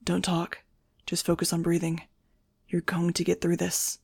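A grieving teenage boy in an audiobook, terse and steady, keeping his voice quiet as he speaks, as a woman reader puts him on. The tone sits low and gravelly, with almost no rise or fall. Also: a little slow, no room sound, full character voice. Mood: hushed grief. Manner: quiet, clipped, subdued.

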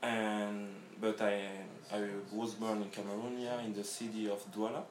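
A man who grew up in France, a guest in a casual interview, talking haltingly and searching for his words. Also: lowish voice, flat delivery, a little hiss or hum. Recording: roomy echo.

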